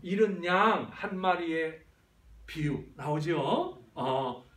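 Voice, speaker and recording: A man's voice: on the high side, lively intonation, slow pace, fairly bright tone. A male pastor preaching a sermon, often asking the congregation questions and drawing answers back. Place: church sanctuary. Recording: echoey church hall, voice from far.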